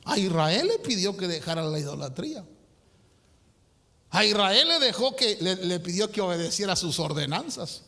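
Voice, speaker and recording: A man preaching a sermon as pastor, swinging from loud shouted passages to quiet, confiding asides. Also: high voice, sing-song, moderate pace. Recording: long hall reverb.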